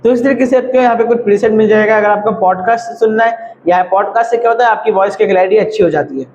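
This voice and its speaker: Casual male tutor, high voice, muffled home recording with light hiss. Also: fast, a little mellow. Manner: chatty, repeats "thik hai" and "bhai". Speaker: video editing tutor.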